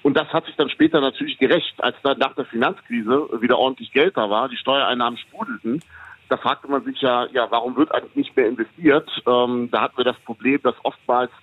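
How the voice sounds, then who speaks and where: A man's voice: mid-range voice, steady tone. Man explaining over a tinny phone line. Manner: explanatory, measured, with frequent hesitations. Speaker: economist guest. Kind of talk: interview answers.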